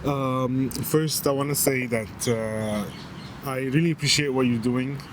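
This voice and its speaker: Man, 30s, from Lebanon, interview guest, hesitant and earnest, outdoor bench, loud traffic behind. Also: mid-range voice, fairly even intonation, measured pace. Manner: reflective, hesitant with fillers, earnest. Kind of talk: casual interview conversation. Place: outdoor public bench by the water. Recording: outdoor street noise, passing vehicles. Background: street traffic.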